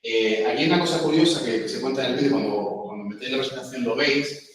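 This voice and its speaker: Male workshop instructor, explanatory and demonstrative, distant mic in a very echoey hall. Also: quick pace. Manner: explanatory, demonstrates pitch exercises aloud, frequent "¿vale?". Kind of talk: lecture with vocal demonstrations. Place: lecture room. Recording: echoey room, voice from far off.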